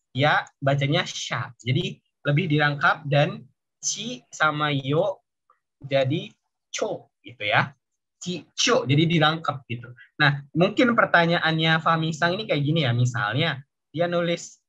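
A man's voice: a little high, sharp tone, breathy edge. A man mentoring an online Japanese class, explaining patiently in a casual way and ending his sentences with a questioning tag. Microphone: video call. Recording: dull lo-fi video call audio.

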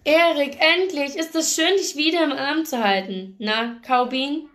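A warm, affectionate older brother greeting his sister with hearty cheer, read by a woman with a fairly high voice. His tone stays bright and loving throughout. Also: fairly even intonation, moderate pace, vocal fry.

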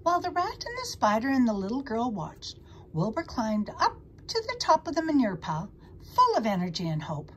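A woman reading a children's storybook aloud, expressive and animated. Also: on the high side, moderate pace, slight background noise. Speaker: audiobook reader. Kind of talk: storybook read-aloud narration.

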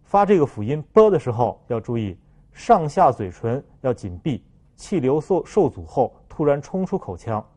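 A man teaching French pronunciation, explaining slowly and then loudly modeling each sound for students to repeat. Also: medium pitch, big pitch swings. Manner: slow, careful explanations, then loud drawn-out example sounds.

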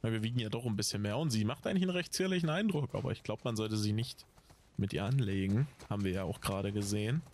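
A man's voice: fairly low pitch, fast talker, a little mellow, slight background noise. A man giving casual, chatty, musing Let's Play commentary as he plays. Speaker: gamer.

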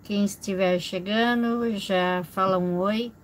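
A Brazilian woman in her forties chats slowly with her live audience, reading out names and greeting each person. She talks into a close camera in a room at home, with a faint hiss underneath. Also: medium pitch, steady tone, low-quality recording. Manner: slow, chatty, greets viewers by name with frequent small laughs. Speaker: livestream host. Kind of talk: casual live chat reading viewer comments. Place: indoor home room with a fish tank.

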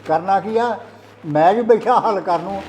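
A middle-aged actor playing a consoling uncle who asks probing questions in a family drama. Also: male voice, high-pitched, moderate pace, a little mellow, close to an everyday voice. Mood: concerned.

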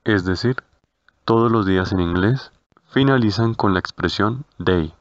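A man with a very low voice narrates a scripted language lesson at a slow, deliberate pace. He repeats each word carefully. The recording is dry and a bit dull and lo-fi. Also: no echo. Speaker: language teacher.

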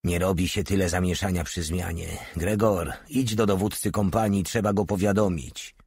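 A man's voice: sits low, fairly even intonation, moderate pace, darkish tone, husky, no room sound, clean studio sound. A man voicing a distrustful veteran soldier who mutters his warnings. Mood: uneasy. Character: wary veteran male soldier called the old man.

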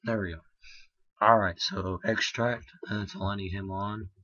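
A young man with a hoarse, strained voice, muttering halting let's play commentary full of ums. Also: on the low side, fairly even intonation, sharp tone, dry recording, dull audio. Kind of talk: casual gameplay commentary.

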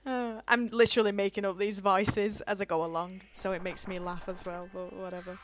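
A woman's voice: medium pitch, level tone, fairly quick, a little hiss or hum. A woman giving casual, self-deprecating, giggly commentary as she plays a game. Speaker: game streamer.

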